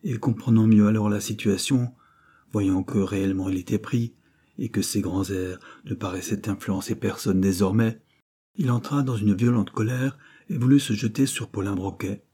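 A man narrating an audiobook in a steady, even reading voice. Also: fairly low pitch, normal speed, husky. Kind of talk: audiobook reading of a classic novel.

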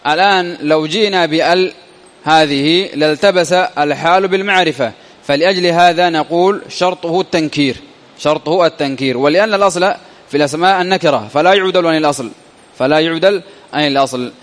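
A man's voice: a little high, fairly quick, big-room sound. A man teaching a classical grammar lesson, often repeating key phrases and answering his own questions. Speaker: teacher explaining Arabic grammar.

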